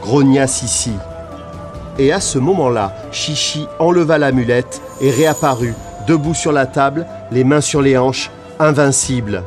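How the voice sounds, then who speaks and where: Male storybook narrator, mid-pitched, lively read-aloud delivery, studio recording with music underneath. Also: measured pace. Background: background music.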